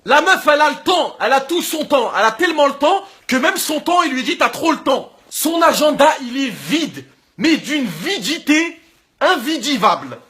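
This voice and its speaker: Very high-voiced man in a shouting comic rant. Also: sing-song, moderate pace, roomy sound. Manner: loud, exasperated, shouting insults. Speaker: comedian.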